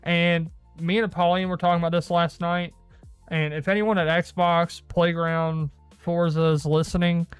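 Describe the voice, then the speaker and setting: A man's voice: on the high side, clean tone, dry recording. A man hosting a casual gaming news show, rambling and correcting himself as he goes. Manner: rambling, self-correcting, laughs often. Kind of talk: casual solo gaming chat.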